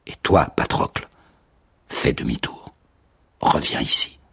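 A man's voice: slow pace, fairly bright tone. A man voicing a proud, wrathful male hero who gives stern commands, in a radio drama.

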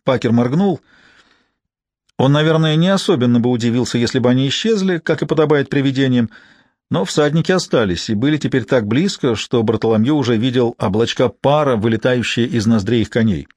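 An audiobook narrator, a man with a mid-range, darkish voice, reads a story in a measured way. It's scripted narration in clean studio sound with no room sound.

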